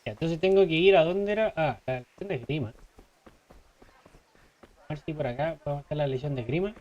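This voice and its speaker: A man's voice: a little high, fairly quick, a little mellow, dull audio, a little hiss or hum. A man with a Chilean accent giving casual, joking let's play commentary, reading game text aloud. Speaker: gaming streamer.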